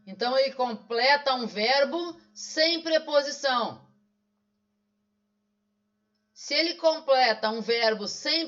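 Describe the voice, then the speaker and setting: Very high-voiced Brazilian man teaching. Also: fairly bright tone. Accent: Brazilian Portuguese. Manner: didactic, asks and answers his own questions. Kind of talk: online exam-solving lesson. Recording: dull lo-fi sound.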